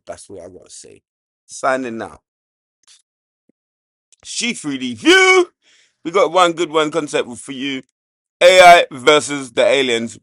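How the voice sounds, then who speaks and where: A man from hosting a casual commentary show, loose and joking, jumping from low mutters to loud outbursts. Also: no echo, clean studio sound. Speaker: show host.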